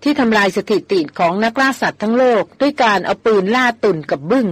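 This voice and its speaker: A woman's voice: on the high side, lively intonation, quick pace, no room sound. A woman reader voicing a teasing young man who mocks his companion in a jungle camp. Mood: mocking. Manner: teasing, mocking, laughing.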